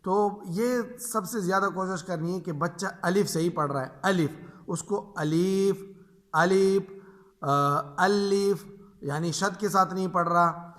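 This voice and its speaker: A man's voice: high voice, fairly bright tone. A man teaching the Arabic letters to other teachers, drawing out each sound and repeating simple questions as if speaking to children. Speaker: Quran reading teacher. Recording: echoey room reverb.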